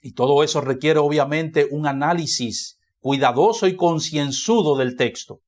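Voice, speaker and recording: A man's voice: a little high, normal speed, darkish tone. Man, pastor, Dominican Spanish accent, church sermon, emphatic, repeats phrases for stress.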